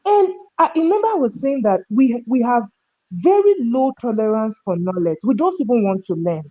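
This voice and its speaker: Mellow yet lively in intonation, this fairly high-pitched woman speaks at normal speed. She's an HR professional from North Central Nigeria guesting on a talk show, telling stories and giving opinions in a Nigerian accent, emphatic and prone to rhetorical questions.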